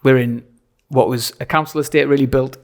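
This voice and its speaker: North East English man, softened Sunderland accent. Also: medium pitch, steady tone, fairly quick. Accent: Sunderland, toned down towards general North East English. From Sunderland, North East England. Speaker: pastor, podcast guest. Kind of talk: conversational interview. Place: church side hall.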